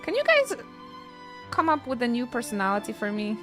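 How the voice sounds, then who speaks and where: A woman's voice: on the high side, wildly swooping pitch, a little fast, over music. A woman from Poland, chatting casually with her stream in a joking, self-mocking way. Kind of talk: casual chat with chat readers.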